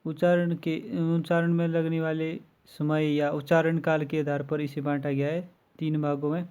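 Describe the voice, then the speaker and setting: In an exam-prep grammar lesson, a man slowly and methodically works through lists of letters, giving examples for each. His voice is slightly high for a man yet mellow and dark, with a clear, resonant tone, though the highs are cut off. He delivers everything flatly and evenly.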